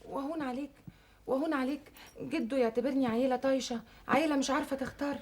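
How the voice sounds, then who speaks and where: A young woman playing a headstrong, sharp-tongued granddaughter in an Egyptian stage comedy, speaking Egyptian Arabic. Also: sits high, fairly even intonation, fast talker, lightly acted. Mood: snappy. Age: young adult. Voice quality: snappy, indignant.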